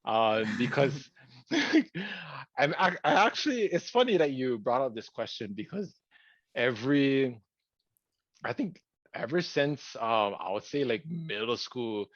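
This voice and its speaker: A podcast co-host from Hawaii, whose first language is Hawaiian, rambles thoughtfully in casual chat, with many pauses and restarts. His mid-range voice swings widely in pitch. The recording has no echo, but the highs are cut off.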